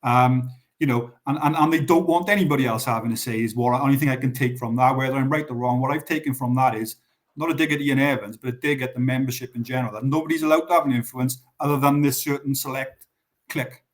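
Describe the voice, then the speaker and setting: A man's voice: mid-range voice, steady tone, fast. A man with a Welsh accent, a guest in a live Q&A, explaining at length with frequent restarts. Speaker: guest on a pigeon racing show. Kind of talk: live Q&A discussion.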